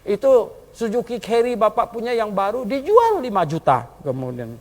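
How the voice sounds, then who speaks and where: A male pastor preaching a sermon in a colloquial style. He tells a story and often chuckles, and he swings between quiet asides and loud calls to the congregation. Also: high-pitched, very animated, moderate pace. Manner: colloquial, chuckles while telling stories.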